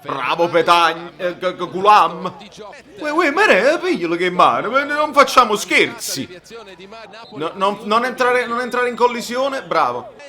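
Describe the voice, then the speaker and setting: Male football fan, live reaction. Very bright, forceful, animated delivery, emotional and prone to outbursts. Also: high voice, measured pace. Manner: emotional, exclamatory, shouts in bursts, sweary. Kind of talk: excited live match reaction commentary.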